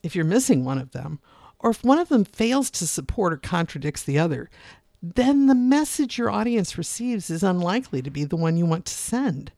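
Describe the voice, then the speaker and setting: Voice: mid-range voice, normal speed, creaky, no echo, studio quality. A public speaking teacher giving a scripted lesson, shifting tone often to demonstrate points. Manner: expressive, varies voice to demonstrate points. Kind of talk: scripted instructional narration.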